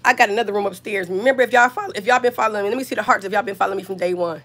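A woman's voice: mid-range voice, racing, fairly bright tone. Woman host, sick and scratchy-voiced, chatting loosely to live viewers on a phone. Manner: chatty, talks straight to viewers, many fillers. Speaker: crafter hosting a live stream. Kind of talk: casual live-stream chat and tutorial.

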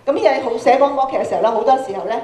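Speaking very fast in a high, dark-toned voice with lively intonation, a radio programme producer with a Hong Kong Cantonese accent runs an interactive talk for schoolkids, asking them lots of questions. The clip was filmed from the audience in a big school auditorium, where her handheld mic comes through the PA with an echoey hall sound.

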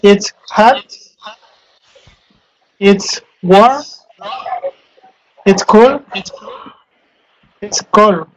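A man's voice: sits high, drawn-out words, pauses often, a bit bright. A man, a student carefully and hesitantly repeating short phrases. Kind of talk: repeating phrases in online class. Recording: dull lo-fi online call audio.

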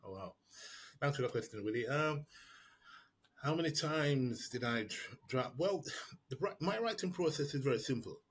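A husky, medium-pitched voice, expressive and at a normal pace, belongs to a prize-winning writer from Jamaica. He answers questions about his work on a video call from a small room via a webcam or laptop mic, thoughtfully restarting sentences and repeating words as he goes.

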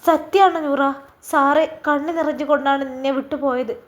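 A woman voicing a caring, talkative nurse who speaks briskly and animatedly, pitched higher and louder than her narration. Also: fairly even intonation, close to an everyday voice. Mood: eager.

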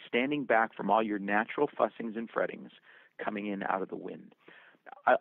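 A man with a gravelly, fry-tinged voice talks earnestly, telling stories and reflecting at length. His voice comes through dry and tinny, like a phone line. He quotes old verses as he goes. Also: lowish voice, dry recording. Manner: earnest, storytelling, quotes scripture and poems. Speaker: film producer and actor guest. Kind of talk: reflective interview answers.

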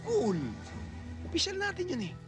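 A loyal soldier buddy, who soothes and pleads with his friend to stay calm. His voice is high and lively, and clear film music plays behind him. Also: normal speed. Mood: soothing.

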